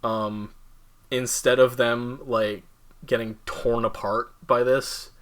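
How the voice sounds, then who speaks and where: A man's voice: mid-range voice, level tone, slow pace. A young man co-hosting a casual podcast, rambling with lots of fillers and laughing often. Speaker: podcast co-host. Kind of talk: casual chat.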